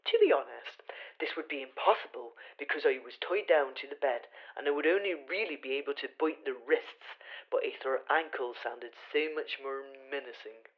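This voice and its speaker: A woman's voice: very deep voice, normal speed. A woman voicing a pompous, self-important male detective in a hobby audio drama, telling his own capture with wry storytelling. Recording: slightly dull lo-fi recording.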